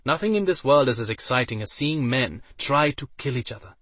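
A man's voice: medium pitch, lively intonation, brisk, a bit bright, no echo. A man doing a cynical young nobleman.

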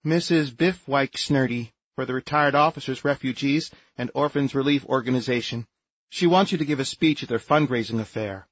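A man voicing a calm, sensible female adjutant who explains things patiently. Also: medium pitch, normal speed, breathy edge, no echo, lo-fi sound, voice pushed up, close to an everyday voice.

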